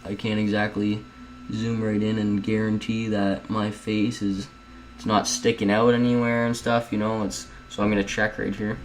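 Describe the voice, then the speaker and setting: A man's voice: fairly low pitch, level tone, moderate pace, a little hiss or hum, rough recording. A young man at home casually talking viewers through a video editing tutorial, rambling and chatty, often calling them guys. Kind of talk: casual screen-recorded tutorial.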